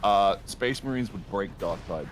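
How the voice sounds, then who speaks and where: A man's voice: lowish voice, measured pace. A man giving casual, informal commentary on a video game, with some swearing. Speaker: gaming co-commentator. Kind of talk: casual gameplay chat.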